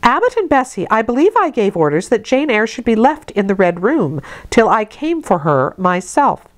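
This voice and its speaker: A woman reading an audiobook, voicing a severe aunt who speaks in slow, clipped commands. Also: on the high side, big pitch swings, pitched above the performer's own voice. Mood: stern. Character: stern, cold aunt, peremptory and severe.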